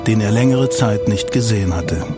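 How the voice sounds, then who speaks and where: A man's voice: lowish voice, normal speed, loud music behind the voice. A man reading scripted narration for an audio drama as its storyteller.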